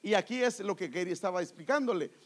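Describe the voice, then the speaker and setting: A man's voice: high voice, expressive, fast talker. A man preaching a sermon, explaining scripture verse by verse and addressing listeners as brother.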